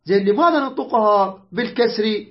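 A teacher with an Iraqi Arabic accent explaining grammar patiently, repeating words slowly, spelling out letters and often checking that students follow. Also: medium pitch, dull audio. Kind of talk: online grammar lesson.

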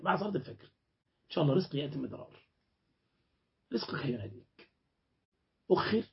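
A man's voice: a little high, lo-fi sound. A man with an Egyptian accent preaching a colloquial religious sermon, often putting rhetorical questions to his listeners. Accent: Egyptian Arabic.

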